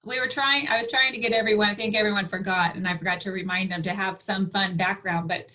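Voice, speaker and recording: A woman hosting her team's meeting over a video call. She talks in a friendly, loose way and drifts into small asides. Her voice is bright and sharp, at a middle pitch. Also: fairly even intonation, fast, low-quality recording. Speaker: team leader hosting the meeting.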